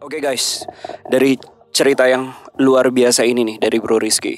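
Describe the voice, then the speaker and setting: A man hosting a podcast, relaxed and casual, mixing in English words. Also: mid-range voice, moderate pace. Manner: relaxed, mixes English words, short affirming murmurs. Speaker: podcast host.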